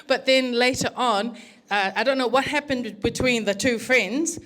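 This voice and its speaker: A woman's voice: fairly high pitch, normal speed. A middle-aged woman with a New Zealand accent, the groom's mother, giving a wedding speech full of acted-out family stories. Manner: animated storyteller, acts out family dialogue, laughing often. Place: wedding reception.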